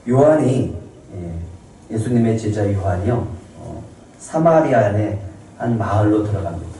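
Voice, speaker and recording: A man's voice: on the low side, expressive, unhurried, gravelly, dark tone, far from the mic, a little hiss or hum. A man preaching a Sunday sermon as a pastor, asking the congregation questions and answering them himself. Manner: acts out quoted people in a raised voice. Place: church sanctuary. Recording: very echoey room, voice from off the mic.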